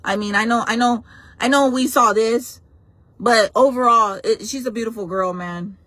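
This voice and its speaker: A woman's voice: on the high side, moderate pace, a bit bright, dry recording. A woman in her forties hosting a casual livestream chat, talking bluntly and playfully while she reacts to her chat. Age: 40s. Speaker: livestream host.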